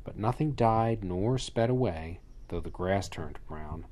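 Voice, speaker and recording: The storybook reader's low, darkish voice moves unhurriedly with lively intonation as he performs a rhyming children's story theatrically. Noisy added ambience, sound effects and animal sounds are clearly audible throughout.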